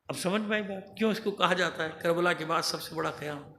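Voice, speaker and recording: A man's voice: on the high side, bright, forceful tone. A man, a cleric, delivering an emphatic, admonishing sermon at a religious gathering into a microphone in a large prayer hall. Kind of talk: Muharram majlis sermon. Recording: roomy hall with faint hum.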